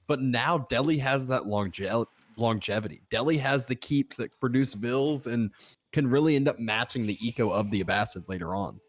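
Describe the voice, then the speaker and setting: A man's voice: medium pitch, moderate pace. A man co-casting an esports match, analytical and rambling, with many filler words. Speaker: co-caster. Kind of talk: esports commentary.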